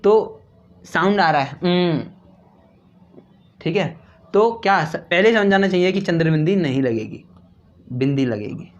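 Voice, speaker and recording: A man teaching Hindi spelling, repeating each word slowly and asking and answering his own questions. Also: high-pitched, expressive. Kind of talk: slow classroom explanation. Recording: dull lo-fi recording.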